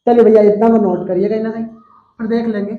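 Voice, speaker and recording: High-voiced teasing male chemistry teacher. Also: level tone, fairly quick, narrow, tinny audio. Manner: playful, teasing, scolds with jokes and sayings. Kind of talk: live online class lecture. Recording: echoey room.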